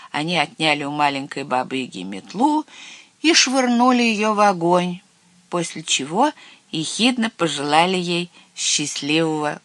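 An expressive storyteller reads a children's fairy tale aloud at an even, steady pace. The voice is close and dry, with no room sound around it. It has the feel of an audiobook. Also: medium pitch, no echo. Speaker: narrator.

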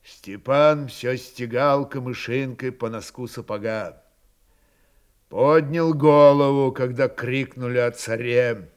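A man narrating a literary audiobook in a measured, expressive way. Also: mid-range voice, clear, resonant tone. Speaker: audiobook reader.

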